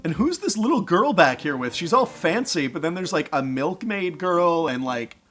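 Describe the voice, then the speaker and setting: A young man hosting a reaction video with excitable, sarcastic, laughing commentary. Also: on the high side, normal speed, faint music behind. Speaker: video host.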